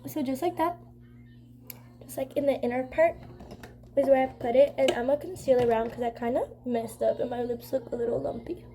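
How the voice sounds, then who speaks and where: A young woman's congested voice, high-pitched and mellow, moves a little fast over slight background noise; she has a cold. The beauty vlogger chats casually through her makeup video, rambling with constant fillers.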